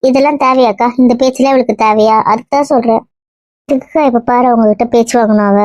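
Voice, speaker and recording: A woman's voice: a little high, steady tone, fast talker, a little mellow, dry recording, natural voice. A woman playing the groom's aunt, who pleads anxiously with the family. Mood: worried. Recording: muffled lo-fi sound.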